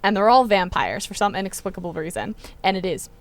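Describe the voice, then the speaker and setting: A woman's voice: medium pitch, lively intonation, fast talker. A young woman, co-hosting a casual podcast chat and explaining a topic at length with eager enthusiasm. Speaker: podcast co-host.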